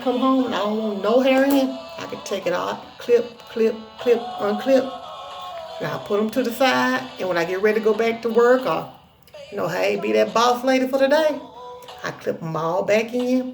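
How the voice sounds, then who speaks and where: Gravelly woman, deep Southern country accent. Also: low-quality recording. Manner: folksy country talk, sassy and self-assured. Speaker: hair tutorial vlogger. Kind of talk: casual chat to viewers.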